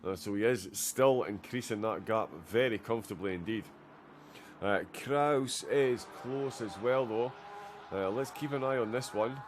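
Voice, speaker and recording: A man's voice: medium pitch, unhurried, slight background noise. Man giving casual sim racing commentary. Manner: chatty, many "uh" fillers, reacts to the action. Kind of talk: live race commentary.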